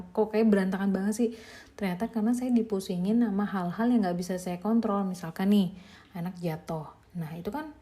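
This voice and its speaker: A woman's voice: on the low side, dark tone. A young woman, a mother, chatting casually as a podcast host reviewing a book, informal and easygoing with light laughs.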